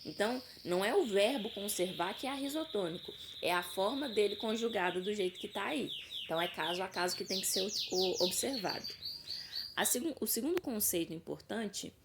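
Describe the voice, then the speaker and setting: A woman's voice: medium pitch, very noisy. A woman teaching a recorded grammar lesson, explaining step by step with many hesitations and self-corrections.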